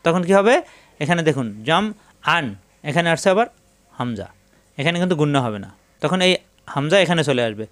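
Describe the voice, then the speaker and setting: Male Quran teacher, Bangladeshi Bengali accent, slightly high, smooth clear tone, patient and repetitive, dry close mic. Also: lively intonation, dry recording. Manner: slow drawn-out chanting of Arabic words between plain explanations; patient, methodical, repeats each syllable. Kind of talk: step-by-step spelling and pronunciation lesson.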